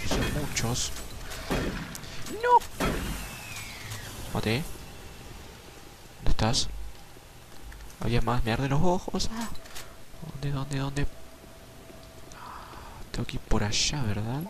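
A man's voice: medium pitch, lively intonation, takes it slowly, pauses often, background noise. Jumpy, swearing gamer man. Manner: jumpy, swearing, yelps at scares. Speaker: let's play commentator. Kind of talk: gameplay commentary. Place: room at night.

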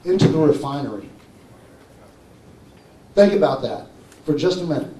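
A man's voice: fairly high pitch, expressive, moderate pace, dark tone, a little hiss or hum. Emphatic man in an echoey hall. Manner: emphatic, keeps asking "okay?" and "right?". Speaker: speaker presenting his engine modification. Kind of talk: animated conference talk. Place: conference hall. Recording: echoey hall, mic far off.

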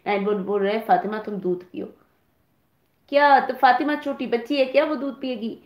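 A woman's voice: fairly high pitch, moderate pace, darkish tone, roomy sound. A woman from India hosting a casual live stream, reading viewer comments aloud and teasing them affectionately like a big sister.

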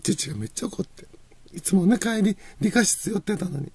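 A woman's voice: medium pitch, lively intonation, brisk, a little mellow, husky, no echo. A woman with a Kansai accent telling a rambling personal story, laughing often between phrases. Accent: Kansai Japanese. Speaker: channel host.

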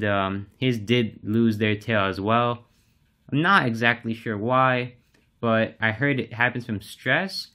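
A young man casually narrating as he feeds his exotic pets, relaxed and chatty with lots of fillers. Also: mid-range voice. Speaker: pet keeper and channel host.

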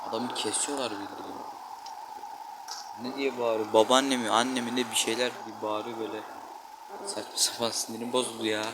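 Grumbling low-voiced gamer man. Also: steady tone, a little fast, pauses often, heavy background noise. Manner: slangy, grumbling and exclaiming at the game. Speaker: gaming channel host. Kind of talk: casual gameplay commentary. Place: room indoors, playing a football video game. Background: children shouting outside.

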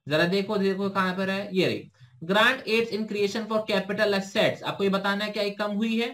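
Young Indian male tutor, high voice, fast explainer who quizzes himself and reads English prompts slowly. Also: fairly even intonation, a bit bright. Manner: brisk explaining, slow careful reading of English questions; asks himself questions and answers them. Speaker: teacher. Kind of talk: exam-prep lesson talk.

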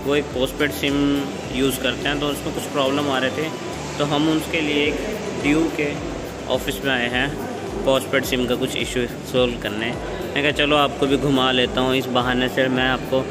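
A man's voice: mid-range voice, flat delivery, normal speed, loud music behind the voice, rough recording. A young man casually vlogging a walk through a shopping mall, talking straight to his viewers on a phone held at arm's length. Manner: chatty, addresses viewers directly. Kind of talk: casual walking-tour vlog. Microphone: phone front camera at arm's length.

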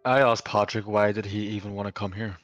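A man's voice: fairly even intonation, a little fast, a bit bright, no room sound, highs cut off, faint music behind. A man playing a tabletop game whose voice runs through a voice changer, joking in casual asides. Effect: voice changer pitching the voice down. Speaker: player.

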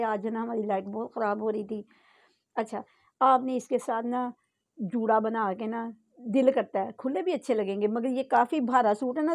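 This home vlogger is a middle-aged woman from Pakistan whose Urdu has a Punjabi flavor, talking to a phone camera indoors in her bedroom. Her slightly high, darkish voice is recorded dry. The chat is homely and relaxed, sprinkled with asides.

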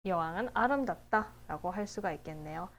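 A woman teaching basic English phonics, explaining calmly and drawing out each word slowly. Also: on the low side. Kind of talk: slow, explanatory phonics lesson.

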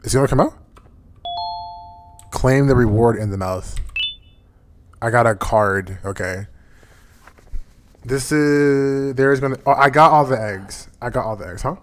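A man's voice: medium pitch, unhurried, long pauses, a little hiss or hum. A man hosting a live gameplay stream, chatting casually and rambling to his viewers while he plays. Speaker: streamer host.

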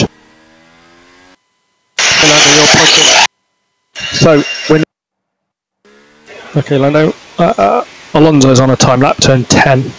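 A man working as a race engineer, giving terse, procedural race spotter callouts on traffic over team radio. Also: a little high. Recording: noisy car-to-pit radio transmission.

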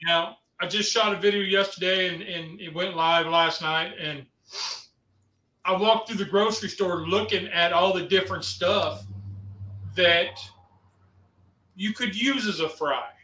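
High, bright man talking over a landline phone. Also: measured pace, long pauses, reverberant, poor audio. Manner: rambling, chatty, easygoing. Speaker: co-host of a live cooking stream. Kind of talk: casual live-stream chat.

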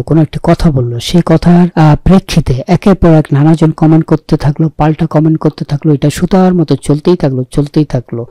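A man's voice: a little high, dark tone, dry recording. A man teaching English vocabulary, going word by word and asking and answering his own questions. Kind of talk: vocabulary lesson in Bengali.

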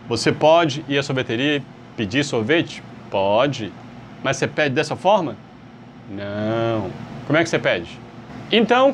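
Lively Brazilian man teaching English. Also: medium pitch, a little hiss or hum. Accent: Brazilian Portuguese. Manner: lively, asks rhetorical questions, frequent "tá?" check-ins. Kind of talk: online English lesson.

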